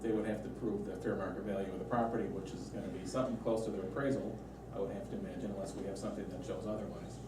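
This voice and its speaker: A man's voice: deep voice, fairly even intonation, racing. A man explaining procedure as an adviser in a formal board meeting discussion, recorded in an echoey room. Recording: echoey meeting room, distant mic, background noise.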